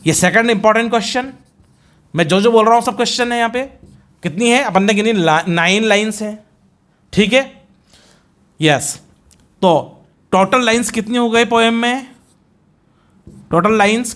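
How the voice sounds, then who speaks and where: Indian male literature tutor, high voice, Hindi-English exam-prep lecturing, repetitive drilling. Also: a bit bright. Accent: Hindi-speaking Indian. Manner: counts lines aloud and repeats points for drilling.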